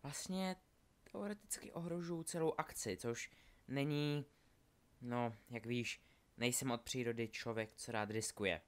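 A man voicing a nervous, chatty young witch in a storybook reading, soft and rambling with hesitations. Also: medium pitch, lightly acted. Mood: shy, chatty.

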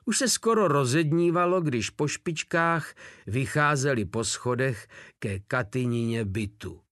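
A man narrating a novel as an audiobook reader, in an even storytelling manner. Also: medium pitch, no echo, studio quality. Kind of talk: scripted narration.

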